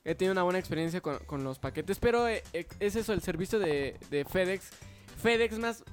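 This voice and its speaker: A young man with a Mexican Spanish accent, chatting casually in a slangy, swearing, animated way. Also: high-pitched, brisk, faint music behind. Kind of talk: casual chat.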